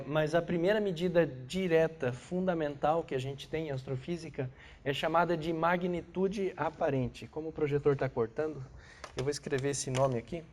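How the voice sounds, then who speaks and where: A Brazilian man, congested from a cold, gives an astrophysics lecture to a class, explaining didactically and adding short tag questions. His voice is a little high.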